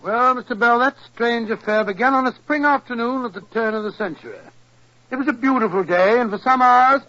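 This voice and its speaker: An actor playing a genial, bumbling elderly British doctor who stammers and repeats himself, in 1940s radio style. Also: male voice, very high-pitched, a little fast, sharp tone, no room sound, full character voice. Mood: genial, reminiscing. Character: elderly genial doctor telling tales of his detective friend. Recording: muffled old radio recording.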